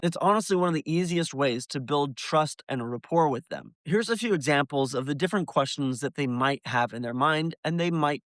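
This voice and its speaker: Addressing viewers directly, a window cleaner walks through his business tutorial one step at a time in an instructional video. His voice is a little high with a fairly bright tone, and the recording is dry.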